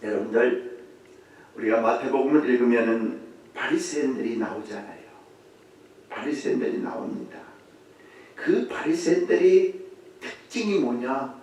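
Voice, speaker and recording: A man preaching a sermon as pastor, emphatic, swinging between quiet asides and shouted peaks. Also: mid-range voice, expressive, moderate pace, long pauses, a little hiss or hum. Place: church sanctuary. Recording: very echoey church hall, voice from far off.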